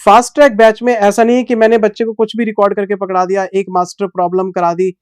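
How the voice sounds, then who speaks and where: A man teaching accounting who explains his course to students. He speaks slowly and patiently, and addresses them in a fatherly way. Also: high-pitched, flat delivery, smooth, no room sound, clean studio sound. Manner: deliberately slow, patient delivery; fatherly, calls students "son".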